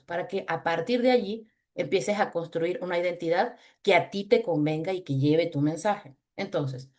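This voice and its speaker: Lively woman coaching voice on a video call. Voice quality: low, chest-resonant voice. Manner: lively, conversational, teasing. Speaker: voice coach leading a webinar. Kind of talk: webinar talk with exercises.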